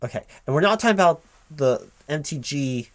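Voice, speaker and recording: In a one-sided spoken interview roleplay, a man plays a recruiting manager who sounds halting and puzzled, repeating things back as questions. His voice is a little high and expressive.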